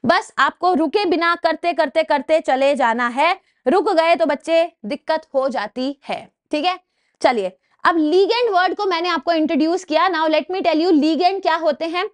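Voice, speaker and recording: एक महिला रसायन शिक्षिका परीक्षा की तैयारी का लेक्चर देती है, हिंदी में अंग्रेज़ी शब्द मिलाकर, बीच-बीच में छोटे सवाल पूछती है, अंग्रेज़ी में भारतीय लहजा।. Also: female voice, very high-pitched. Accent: Indian English. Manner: explains in Hindi mixed with English terms, asks quick check questions. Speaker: chemistry teacher. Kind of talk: exam-prep lecture.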